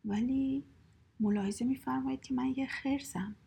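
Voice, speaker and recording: A woman's voice: high voice, steady tone, gravelly, mellow, husky, voice pushed up, exaggerated voice. A woman voicing a polite, bewildered male bear in a whispered role-play, pleading in formal words.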